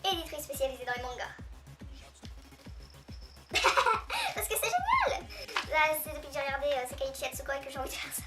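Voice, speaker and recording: A woman's voice: sits high, sing-song, brisk, long pauses, music in the background. Sped-up chipmunk voice of a teenage girl. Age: teens. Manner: chatty, upbeat, with frequent fillers. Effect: sped-up playback, chipmunk voice. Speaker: YouTuber answering viewer questions. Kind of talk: casual chat to camera.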